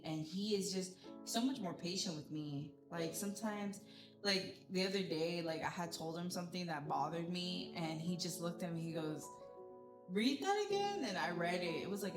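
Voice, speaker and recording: A young woman with a slightly low voice chats casually, telling stories and acting out quotes. She sounds like she is in an echoey room. Music plays clearly underneath her. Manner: animated storytelling, acts out quotes. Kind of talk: casual chat.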